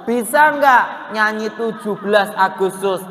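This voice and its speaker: A man with a high, bright voice hosts a children's puppet show, speaking slowly and coaxingly as he calls out to the kids. His voice rings through a large, echoey hall with a long reverb. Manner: coaxing, playful, calling out to children. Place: mosque hall.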